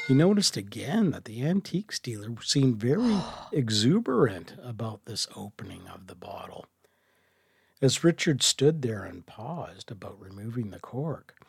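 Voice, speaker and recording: A man narrating a story in a soft, hushed voice that often drops to a whisper, with faint music behind him. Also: medium pitch, no echo. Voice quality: slow, hushed, breathy whisper at times.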